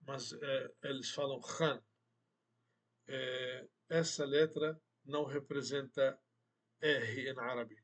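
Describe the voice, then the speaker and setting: A man teaching a language lesson, speaking slowly and deliberately, repeating words for emphasis. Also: mid-range voice, steady tone, a bit bright. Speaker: Arabic teacher.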